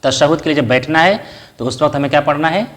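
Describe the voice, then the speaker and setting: A man's voice: on the high side, quick pace, fairly bright tone. A man teaches each step of the prayer in order, in a slightly raised voice. He poses a question to the listener and answers it himself. He works short recited Arabic phrases into the explanation. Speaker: religious teacher. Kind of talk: step-by-step spoken lesson.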